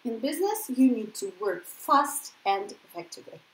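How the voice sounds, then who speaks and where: A woman born in Russia, speaking with a Russian accent, runs an informal English lesson in a fairly high, sing-song voice at normal speed. She chats easily and keeps adding "yeah?" as she explains, and the rough recording has a roomy sound.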